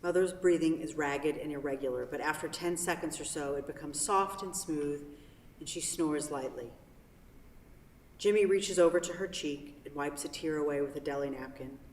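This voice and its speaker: In a theatre hall, a woman with a low-sitting voice hosts a staged reading of a play and reads the stage directions at normal speed. The hall is very echoey, the mic is distant, and there's a little hiss or hum.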